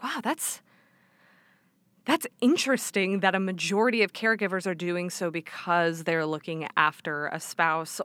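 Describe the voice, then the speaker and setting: A woman's voice: fairly low pitch, pushed and bright, no echo. A young woman hosting a casual solo podcast, rambling and breaking off her own sentences, often laughing at herself. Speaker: podcast host.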